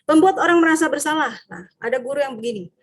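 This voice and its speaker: A woman teacher from Indonesia, giving a lively workshop talk to fellow teachers and acting out student and teacher voices. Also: high voice, fast. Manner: frequent tag questions.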